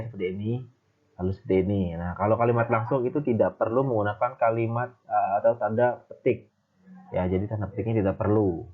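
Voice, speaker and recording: A male teacher giving a grammar lesson, explaining step by step with frequent fillers. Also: fairly low pitch. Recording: tinny phone-like sound.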